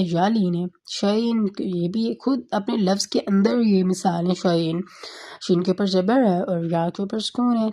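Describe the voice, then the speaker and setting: A woman tutor teaching tajweed in a patient, explaining manner. Her voice is mellow and dark. She checks in with her listeners often and slows right down when she recites verses. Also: medium pitch. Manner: patient, repeats "theek hai" often.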